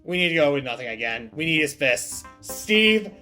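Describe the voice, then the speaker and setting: A man's voice: mid-range voice, quick pace, pushed and bright. A man giving live game commentary as a streamer, exclamatory and prone to swearing. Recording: faint game music behind.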